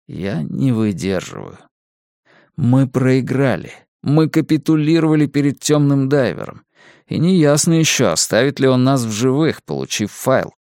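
A man narrating a first-person audiobook in a slow, wry storytelling manner. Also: medium pitch, vocal fry, darkish tone, clean tone, no echo, studio quality.

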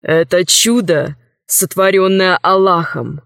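A proud, wrathful sultan speaks in a lowered, slow and solemn voice, as a woman reading a storybook puts him on. The sound is dry and close. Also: steady tone, vocal fry, fairly bright tone, dry recording, full character voice.

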